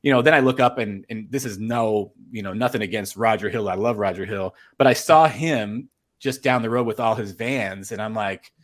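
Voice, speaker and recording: Rambling low-voiced man telling stories. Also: normal speed. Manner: rambling, many fillers and restarts; earnest, emotional storytelling. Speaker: storm chaser guest. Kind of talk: casual interview chat.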